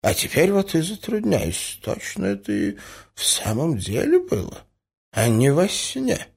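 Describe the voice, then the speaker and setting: Confused elderly prince read by a male narrator, stammering, slow, wandering pitch. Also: huge pitch swings, creaky, breathy edge, heavily acted. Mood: delighted. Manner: hesitant, bewildered, stammering. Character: muddled, doddering old prince. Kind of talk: audiobook character reading.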